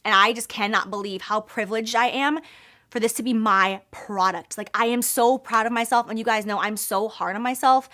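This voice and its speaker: Young female beauty vlogger, emphatic and gushing, breaks into excited squeals. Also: a little high, moderate pace. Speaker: beauty YouTuber launching her brand. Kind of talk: excited product reveal vlog.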